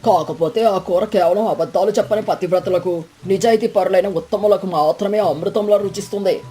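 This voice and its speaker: A woman's voice: medium pitch, fairly quick, dark tone, pitched below the performer's own voice, close to an everyday voice. A woman voicing a stern, grave male village elder in a storybook tale. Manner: solemn, scheming.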